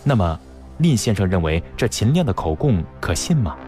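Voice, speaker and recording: A stern lord issues orders with cold scorn, voiced by a male storyteller. The voice sits low but moves with lively pitch, with faint music underneath. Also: normal speed. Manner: cold, commanding, sneering.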